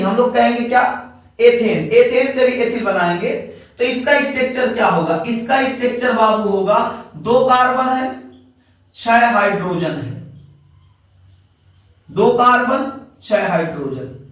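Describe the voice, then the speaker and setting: A man's voice: very high voice, fairly bright tone. A male teacher with a lilt gives a classroom chemistry lecture, coaxing students and repeating each answer back as a question. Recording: echoey room, voice from a distance.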